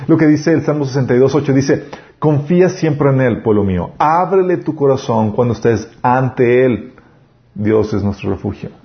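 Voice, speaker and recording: A male pastor preaches in an easy, conversational way. He often stops to ask the congregation rhetorical questions. His voice sits at an ordinary pitch, and the recording sounds a little dull and lo-fi. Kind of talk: sermon.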